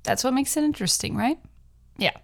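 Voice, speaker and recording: A woman's voice: sits high, a little fast, vocal fry. A young adult woman hosting her own podcast, telling personal stories in a chatty, rambling way with frequent laughs. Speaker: podcast host, writer. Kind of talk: casual personal monologue.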